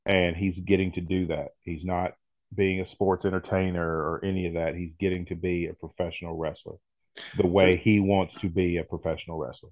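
A man's voice: low voice, level tone, fairly quick, a little mellow, dry recording. A man co-hosting a podcast in casual chat, easygoing and agreeable, often restarting his sentences. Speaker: podcast co-host. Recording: muffled phone-like audio.

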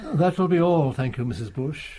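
A brilliant, vain old detective voiced by a man in a radio play, his slightly raised voice rising and falling in lively swoops. He speaks in precise, lofty phrases and chuckles at his own cleverness. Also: fairly high pitch, moderate pace, slight background noise, close to an everyday voice. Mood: genial. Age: older. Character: elderly retired detective, brilliant, vain and untidy. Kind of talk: radio drama acting.

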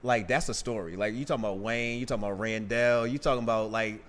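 A man hosting a casual interview, from Boston, talking in an animated, emphatic, slangy way. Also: lowish voice, fast. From Boston, USA. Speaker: podcast host.

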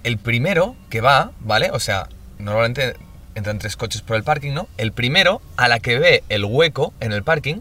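A man talks casually in a bright, sharp voice. He tells his story in short bursts and tags on filler checks as he goes. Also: mid-range voice, expressive, moderate pace. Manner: storytelling with many fillers like "¿vale?" and "¿sabes?". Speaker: podcast co-host. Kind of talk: casual chat.

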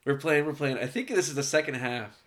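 A man hosting a podcast, telling a story in casual chat, animated and laughing, swearing often. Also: a little high, fairly quick. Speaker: podcast host. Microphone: podcast mic.

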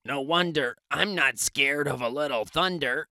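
A man voicing a duck and a pig with gravelly, put-on voices for a storybook reading. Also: fairly high pitch, unhurried, pushed and bright, dry recording, voice pushed up, full character voice. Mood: boastful. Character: farm animals, a duck and a pig.

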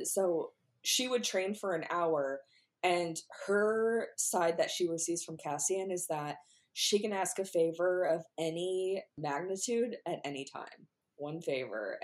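A woman co-hosting a relaxed book discussion, with a somewhat low voice. She talks animatedly and slips into characters' lines as she retells scenes. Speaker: podcast co-host. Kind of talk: casual book chat.

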